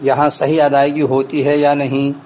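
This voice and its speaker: A male Quran reading teacher explaining pronunciation to teachers and pupils, and breaking into slow, deliberate letter-by-letter spelling drills. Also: a little high, monotone, slight background noise, low-quality recording.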